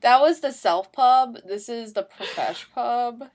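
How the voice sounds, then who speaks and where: A young woman co-hosting a podcast, chiming in with teasing, quick remarks about books. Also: on the high side. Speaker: podcast co-host. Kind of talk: casual book chat.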